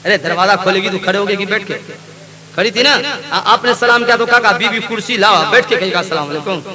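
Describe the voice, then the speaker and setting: A man preaching a sermon to a live gathering, moving from soft storytelling to loud, fervent calls for the crowd to answer back. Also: high-pitched. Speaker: Islamic preacher. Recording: live event with crowd audible.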